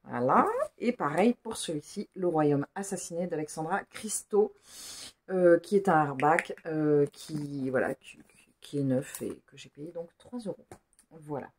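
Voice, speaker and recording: A woman's voice: low voice, a little slow, breathy edge. A woman chatting casually in a book haul vlog, rambling and talking to herself in little asides. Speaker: book YouTuber.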